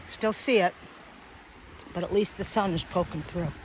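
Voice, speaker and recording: A woman's voice: on the low side, moderate pace, background noise. A woman vlogging casually outdoors on a lake beach, chatting and talking to her dog as she searches. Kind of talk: casual vlog narration.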